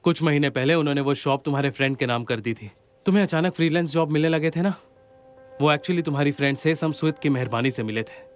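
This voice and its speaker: A man's voice: a little high, fast, faint music behind, natural voice. An actor dubbing a strict, blunt young man who lectures and scolds in a drama. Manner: stern and lecturing. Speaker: dubbed drama character. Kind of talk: Hindi dub of a drama.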